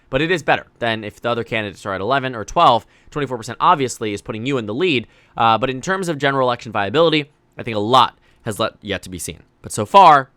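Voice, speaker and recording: Fast-talking young man analyzing elections. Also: mid-range voice, dry recording. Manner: rapid, energetic, self-correcting analytical talk. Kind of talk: solo political commentary.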